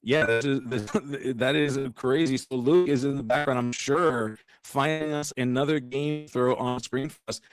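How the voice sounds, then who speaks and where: A man doing lively live commentary on a card game match, chatty and quick to laugh. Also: mid-range voice, a little hiss or hum. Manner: excitable, chatty, laughs often. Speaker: caster.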